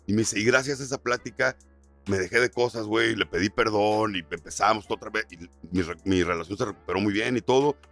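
A radio announcer talks fast in a slightly low voice, telling stories in relaxed, slang-heavy podcast chat. Soft music plays faintly underneath. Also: male voice. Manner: storytelling, peppered with slang.

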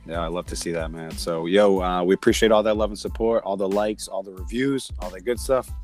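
A male podcast host with a lowish voice left hoarse from cheering talks sports casually. His delivery is slangy and hyped, with music playing behind him. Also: fairly even intonation, brisk, darkish tone. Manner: slangy, hype-man delivery.

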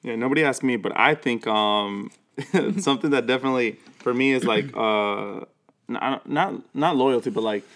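A man's voice: mid-range voice, normal speed, fairly bright tone. Laid-back young man hosting a podcast. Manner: laid-back, hesitant, many fillers and restarts. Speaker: podcast host and pastor. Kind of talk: casual chat. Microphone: studio microphone.

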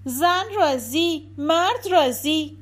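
A woman's voice: high-pitched, pitched above the performer's own voice, close to an everyday voice. A woman voicing an odd, cocky middle-aged man who speaks bluntly. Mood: offhand.

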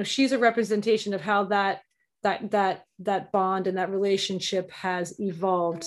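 Woman hosting a podcast, casual chatty style, mid pitch, bit of music under it. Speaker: podcast host. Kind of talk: casual introduction and interview.

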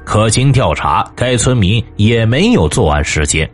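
A man's voice: fairly low pitch, a little slow, slightly rough, faint music behind. A man hosting a show, telling a true-crime case as scripted narration. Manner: storytelling, lively intonation. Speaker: host.

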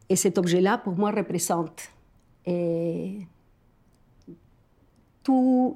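An Argentine woman, a native Spanish speaker with an Argentine accent, speaks in a warm, mid-range voice. She talks reflectively and personally to a companion, often searching for the right words.

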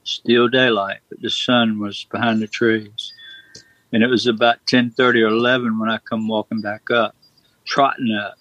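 Guy telling his story kinda flat and plain, lots of restarts, dull lo-fi sound. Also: fairly low pitch, moderate pace, dry recording. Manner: plain-spoken, restarts and self-corrects often. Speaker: guest recounting a personal experience. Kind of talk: rambling first-person storytelling.

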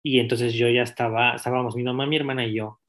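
A man's voice: mid-range voice, flat delivery, fast, a bit bright. A young man, a podcast guest telling his own story in a direct, candid way with many restarts. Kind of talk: personal storytelling in an interview.

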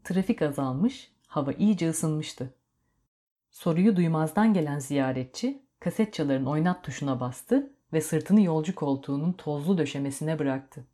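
A woman narrating a story in a steady, measured reading voice. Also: low-pitched.

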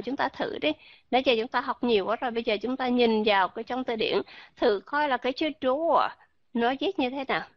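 Fairly high-voiced woman teacher, drills sounds slowly, quizzes class; dry, dull voice-chat audio. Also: no echo. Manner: repeats sounds slowly and asks the class questions. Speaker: English pronunciation teacher. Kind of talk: live online voice-chat class. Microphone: computer mic in online voice room.

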